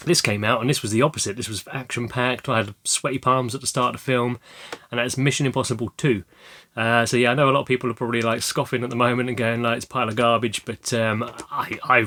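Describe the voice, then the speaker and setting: A young man talking casually about his film collection, rambling with many ums and restarts, his throat slightly croaky. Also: mid-range voice, steady tone, fast, sharp tone. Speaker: video creator showing a film haul. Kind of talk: casual chat.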